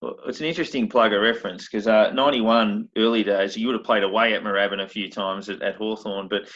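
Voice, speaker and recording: Low-voiced podcast host. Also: male voice, steady tone, fast talker, fairly bright tone, dull audio. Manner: laughs along, asks long stat-filled questions. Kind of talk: casual interview.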